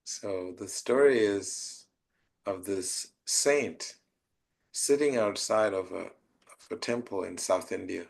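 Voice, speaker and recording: A man, a spiritual teacher, answering a question by slowly telling a devotional story in a soft, tender way. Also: deep voice, vocal fry. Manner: slow, tender storytelling with soft trailing phrases.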